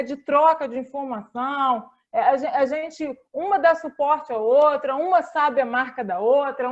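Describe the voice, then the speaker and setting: A woman's voice: high voice, dull audio. A Brazilian woman librarian moderating an online panel, speaking earnestly and tagging her sentences with questions. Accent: Brazilian Portuguese. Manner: earnest, repeats "né?" often.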